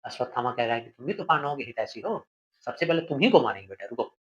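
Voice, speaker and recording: A man's voice: mid-range voice, sing-song, fast. A male teacher explaining a Hindi verse play, reading it in a dramatic voice and explaining it in simple words. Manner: dramatic, raises voice when quoting characters, explains in simple Hindi. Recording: dull lo-fi sound.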